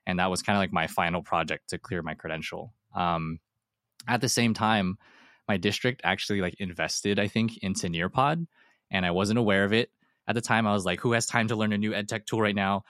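A man with a very low voice talks eagerly as a podcast guest, rambling as he tells his story. The recording is dry and close. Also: fairly bright tone, dry recording. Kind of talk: casual interview chat.

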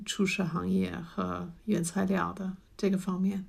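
A woman's voice: fairly low pitch, flat delivery, measured pace, creaky, darkish tone, slightly rough. A middle-aged British woman, a native English speaker, speaks Mandarin with a foreign accent in an interview, using simple phrasing and searching for words. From United Kingdom. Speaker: interview guest, food writer and cook. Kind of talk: conversational interview answers.

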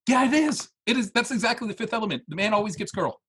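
A man's voice: high-pitched, quick pace, slightly rough. A man co-hosting a casual podcast, arguing animatedly about movies. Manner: argumentative, animated. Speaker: podcast co-host. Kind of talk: casual chat.

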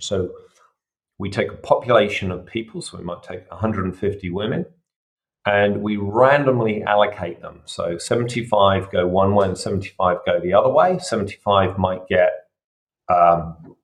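A middle-aged man, a surgeon talking on a podcast and explaining things patiently with everyday examples. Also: on the low side. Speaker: surgeon guest. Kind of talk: casual podcast interview.

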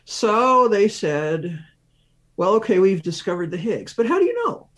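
Speaking unhurriedly as an interview guest, a male research professor explains science one step at a time, raising questions himself and answering them with examples as he thinks aloud. His voice is high and a bit bright, with big swings in pitch.

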